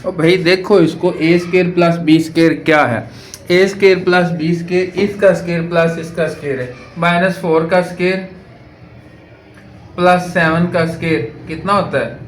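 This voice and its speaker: A man's voice: on the high side, fairly even intonation, normal speed. A man lecturing as a math teacher, working through problems step by step and asking rhetorical questions as he goes. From Pakistan. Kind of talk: board lecture solving exercises. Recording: echoey room with faint noise.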